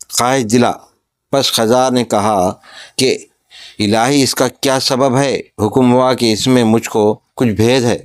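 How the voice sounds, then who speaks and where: A man with a Pakistani Urdu accent, reading a religious story aloud and stopping to explain each passage in plain words. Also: mid-range voice.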